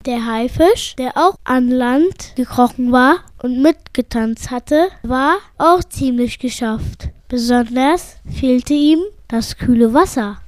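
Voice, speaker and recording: A woman's voice: high voice, takes it slowly, few pauses, no echo. A woman narrating a scripted story for children.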